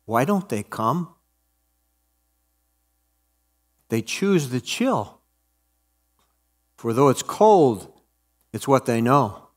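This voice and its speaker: A male preacher voicing a woman in a story, speaking in a hushed, marveling way. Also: medium pitch, sing-song, slow pace. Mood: sad. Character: wondering woman finding warmth. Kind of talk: sermon storytelling.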